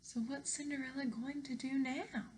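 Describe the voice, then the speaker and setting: Speaking at a normal speed in a high-pitched voice, a woman in her thirties who teaches elementary school reads aloud to young children from her living room. She's animated and encouraging, posing simple questions within her lesson talk, with slight background noise present.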